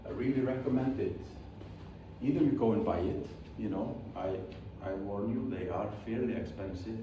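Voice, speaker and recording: The audio sounds dull as a fairly low-pitched man speaks at a moderate pace. He's an Icelandic painter in his forties, casually demonstrating his materials in the studio, rambling and often fixing what he just said. It's a very echoey space recorded from afar, with clear background noise.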